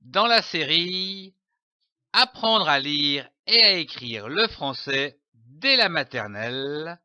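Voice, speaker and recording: Male phonics teacher: very bright, sharp tone, dry close sound, deliberate letter-by-letter spelling. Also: a little high, sing-song, dry recording, muffled recording. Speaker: reading teacher. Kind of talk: recorded phonics lesson.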